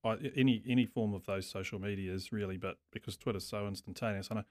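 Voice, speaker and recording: A man's voice: fairly low pitch, fairly even intonation, fast, dry recording, studio quality. A man with a New Zealand accent chatting casually as a podcast guest, in a laid-back, blokey, sweary way. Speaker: craft brewer, podcast guest.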